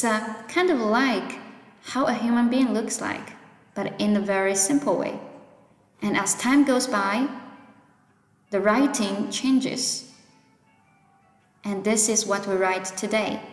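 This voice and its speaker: A woman teaching a beginners' language lesson, speaking slowly and patiently and repeating each new word for practice. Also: mid-range voice. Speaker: Mandarin teacher. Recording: echoey room with long reverb.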